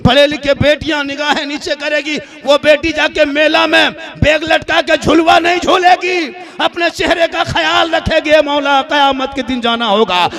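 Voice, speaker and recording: A man with an Indian Hindi-Urdu accent and a strikingly high voice preaches an emotional sermon. He tells stories dramatically, voicing each character's lines himself. His delivery swells into shouted passages. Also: fairly even intonation, normal speed, creaky, hardly any pauses. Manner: dramatic storytelling, acts out dialogue, rising to shouts.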